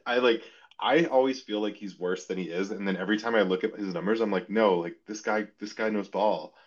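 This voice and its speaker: A man in a casual sports podcast chat, wavering and second-guessing his own opinions, on a dull lo-fi recording. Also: sits low. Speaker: podcast panelist. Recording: dull lo-fi sound.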